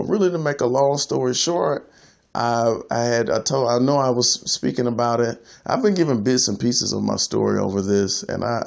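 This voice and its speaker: A low, deeply gravelly male voice reflecting on his working life in a halting, self-repeating way. The sound is dull and lo-fi. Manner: halting, repeats words, laughs at himself. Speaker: freelance IT consultant. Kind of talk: reflective personal monologue.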